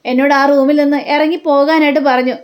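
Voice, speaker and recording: A woman voicing a middle-aged mother who is bitter, self-pitying and quick to scold, in a high voice. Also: fairly even intonation, dull audio, lightly acted. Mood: wounded. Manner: reproachful, wounded.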